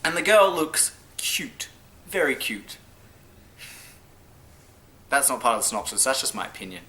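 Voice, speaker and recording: A man co-hosting a casual anime discussion, playful and quick to laugh, tripping over long titles. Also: mid-range voice, big pitch swings, sharp tone, low-quality recording. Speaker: co-host of an anime discussion channel. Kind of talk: casual chat.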